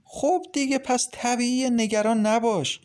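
A man's voice: very high-pitched, steady tone, darkish tone, pitched above the performer's own voice. A man voicing Mahtab, a cheerful teenage girl. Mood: reassuring. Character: cheerful teenage schoolgirl, comforting sister-in-law.

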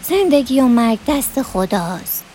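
A woman reading a story voices a pious old grandmother who speaks calmly and reassuringly. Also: a little high, a little hiss or hum, pitched above the performer's own voice. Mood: soothing. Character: older traditional grandmother, pious and soothing.

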